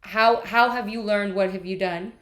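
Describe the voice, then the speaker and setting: Faint music sits behind a woman vlogger whose medium-pitched voice stays fairly even at a normal pace. Her candid monologue is rambling, profane and stream-of-consciousness, restless with frequent restarts and trailing off.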